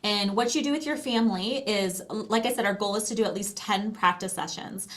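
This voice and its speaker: A middle-aged American woman, acting as presenter and guest, demonstrates a language program in a casual, chatty and encouraging way. Her mid-range voice has a brisk delivery.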